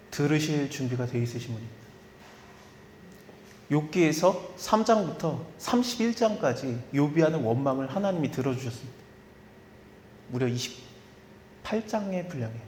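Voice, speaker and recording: A man's voice: fairly high pitch, a little hiss or hum. A man preaching an expository sermon in a conversational way, acting out the voices he quotes. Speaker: pastor. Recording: echoey hall reverb.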